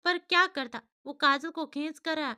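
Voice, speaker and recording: A woman's voice: high voice, steady tone, measured pace, full character voice. A woman voicing a hot-tempered, protective young man who gives orders and scolds in a storybook reading. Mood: angry. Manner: commanding, shouting in anger.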